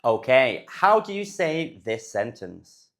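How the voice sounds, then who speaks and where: Slow, carefully enunciating British man. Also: medium pitch, very animated. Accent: British English. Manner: slow, clear, deliberately enunciated words. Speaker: English pronunciation teacher. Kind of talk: listen-and-repeat phonics lesson.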